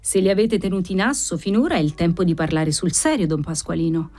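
A woman's voice: lowish voice, fast, warm tone, lightly acted. Woman playing a coaxing male shopkeeper. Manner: persuasive, falsely soothing. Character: coaxing male lottery-shop keeper.

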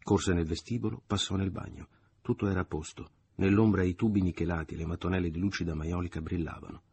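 A man narrating a literary novel in steady audiobook reading. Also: sits low, fast, husky.

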